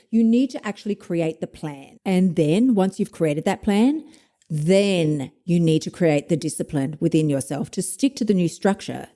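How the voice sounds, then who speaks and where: Fairly low and warm-voiced, this woman in her fifties coaches listeners on her solo podcast as a motivation coach. Her talk is frank and full of swearing, and she laughs at her own expense.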